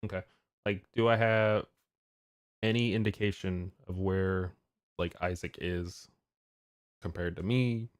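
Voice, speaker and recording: Joking low-voiced man, dry sound. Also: steady tone, no echo. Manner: joking, quick questions, teasing. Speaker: player. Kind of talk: banter in an online tabletop game.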